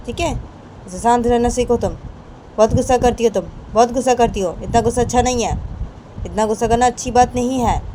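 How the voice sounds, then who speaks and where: A woman's voice: on the high side, warm tone, slight background noise, pitched above the performer's own voice, lightly acted, rough recording. A woman voicing a stern older mother-in-law who lectures in repetitive phrases.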